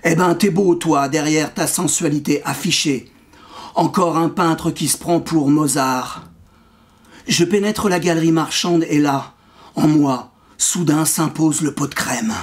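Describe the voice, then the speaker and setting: Man reciting a poem, slightly high voice. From France. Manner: measured, rhythmic recitation with wordplay. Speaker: poet. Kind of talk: poetry reading.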